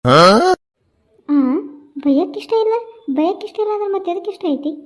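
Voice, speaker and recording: A woman voicing Radha, a chatty young office worker who talks too much, with a North Karnataka accent and rapid gossipy chatter. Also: extremely high pitch, wildly swooping pitch, heavily acted. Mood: grumbling. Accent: North Karnataka Kannada.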